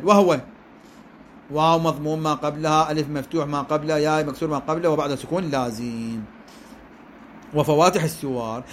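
A man's voice: on the high side, a bit bright, slight background noise. A man with an Iraqi accent teaching a lesson on the rules of Quran recitation, explaining step by step and often checking in with his listeners. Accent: Iraqi Arabic. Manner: explanatory, checks in with listeners, draws out examples slowly. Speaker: religious teacher.

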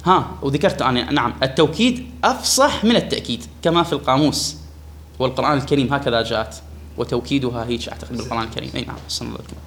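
A man's voice: mid-range voice, very fast, fairly bright tone, slight background noise. A man teaching a grammar lesson to a class, repeating key words and putting questions to his students. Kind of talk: classroom lesson explaining a text.

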